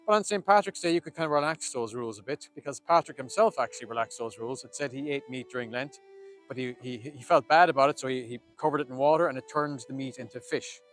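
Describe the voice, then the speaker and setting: A man's voice: medium pitch, quick pace, a bit bright, soft background music. An Irish man with a lilting storyteller's delivery, talking informally as a video host and leaning into words for emphasis. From Ireland.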